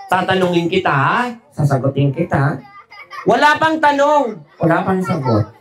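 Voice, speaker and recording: A man hosting a comedy skit with playful quiz banter, animated and quick, often scolding his sidekick. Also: high voice. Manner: animated, scolding, rapid talk. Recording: noisy recording.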